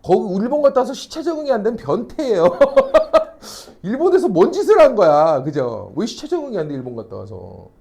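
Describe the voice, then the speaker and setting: A man's voice: sits high, vocal fry, darkish tone. A middle-aged man teaching a class, telling anecdotes, teasing and mocking, and constantly checking whether students follow. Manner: mocking asides. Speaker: academy teacher.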